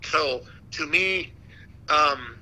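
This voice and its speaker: A man's voice: a little high, extremely slow, sharp tone, low-quality recording. A man who works as a boxing ring announcer, talking casually and emphatically as an interview guest, with slangy asides.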